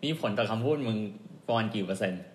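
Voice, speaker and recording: A man's voice: on the low side, quick pace, reverberant. A man co-hosting a podcast in casual chat, talking in a blunt, teasing way. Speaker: podcast co-host.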